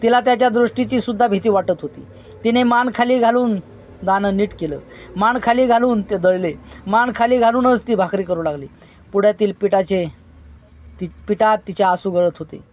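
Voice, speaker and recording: Woman reading a story aloud, steady. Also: mid-range voice, normal speed. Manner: steady, with small slips and restarts. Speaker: narrator.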